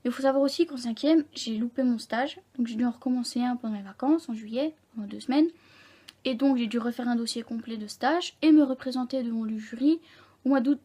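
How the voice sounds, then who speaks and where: A young woman speaks to camera in a vlog, telling a personal story. Her voice sits a little high but has a soft, mellow tone. She talks candidly and haltingly, often stopping to correct herself. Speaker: vlogger.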